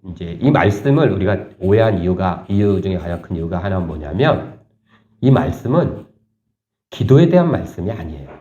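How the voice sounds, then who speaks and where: A male pastor preaching a sermon, animated and quizzing his congregation with questions. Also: low voice, a little fast. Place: church sanctuary. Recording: echoey church room, slightly dull sound.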